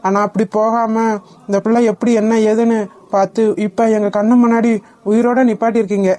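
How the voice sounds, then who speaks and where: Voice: medium pitch, flat delivery, brisk, a little mellow, natural voice. A voice actor playing a grateful, protective young man in a cartoon, speaking with earnest feeling. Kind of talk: cartoon voice acting.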